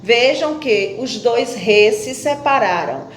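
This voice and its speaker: Woman, teacher, slow patient phonics explainer, slightly high voice, echoey room. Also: expressive. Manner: slow, stretches out syllables when splitting words; patient and explanatory, asks questions and answers them herself. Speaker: primary school teacher. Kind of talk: classroom phonics lesson. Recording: echoey room with faint background noise.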